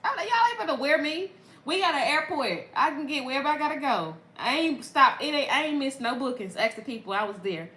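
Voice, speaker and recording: Chatty Southern woman, bright voice. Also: sits high, sing-song, fairly quick, few pauses, echoey room, poor audio. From Mississippi. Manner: chatty, laughs often, talks straight to viewers. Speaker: content creator. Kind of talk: casual livestream chat.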